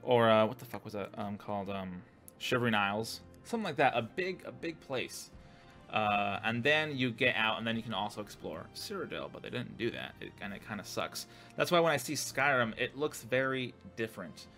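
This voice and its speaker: A man's voice: fairly low pitch, lively intonation, moderate pace, pushed and bright, faint music behind. A man hosting his own gaming channel, giving a casual, rambling opinion monologue full of fillers, restarts and swearing.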